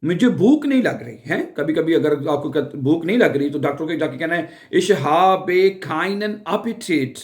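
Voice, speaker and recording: A man teaching German phrases for a doctor's visit. He says each phrase slowly, repeats it, and often checks in with the learners. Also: fairly high pitch, expressive, darkish tone. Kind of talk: explaining a language lesson.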